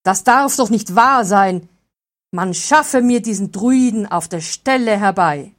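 A woman voicing an older male count in a storybook reading, loud and indignant. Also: lowish voice, animated, measured pace, breathy edge. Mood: outraged.

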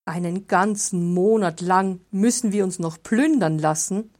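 Woman reading a sad count, sorrowful, slow, storybook voice. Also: mid-range voice, darkish tone, lightly acted. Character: sad, disappointed old count.

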